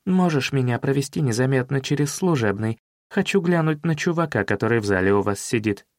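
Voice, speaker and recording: Man voicing a low, teasing young woman detective. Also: expressive, brisk, dry recording, studio quality, natural voice. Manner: teasing, bossy. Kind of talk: audiobook character voice.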